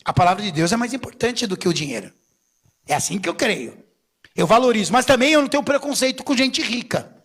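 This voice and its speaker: A middle-aged man, a bishop, preaching a lively sermon full of stories and jokes, acting out what others said with big swings in his voice. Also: fast talker. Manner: animated, jokey, acts out quotes with big pitch swings. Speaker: bishop and pastor. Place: church sanctuary. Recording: long reverb of a church hall.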